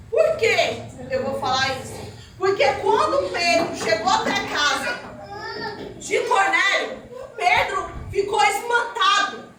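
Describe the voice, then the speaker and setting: A missionary woman from Minas Gerais, Brazil, preaches her testimony to a congregation in a very high-pitched voice, full of animated energy and frequent laughter. The distant mic captures booming echo from the hall along with clear background noise.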